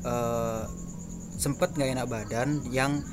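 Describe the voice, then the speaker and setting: A young man, co-hosting a casual podcast and explaining things in a halting, roundabout way. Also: medium pitch, steady tone, music in the background. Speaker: podcast co-host.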